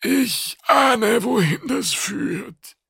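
A man's voice: expressive, drawn-out words, gravelly, pushed and bright, breathy edge, no room sound, clean studio sound, full character voice. A man voicing a stubborn, pedantic alien customs master in an audiobook. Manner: high, strained, indignant.

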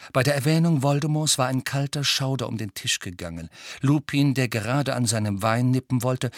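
A man narrating an audiobook in a measured storytelling manner. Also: mid-range voice, no room sound, studio quality. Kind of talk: scripted narration.

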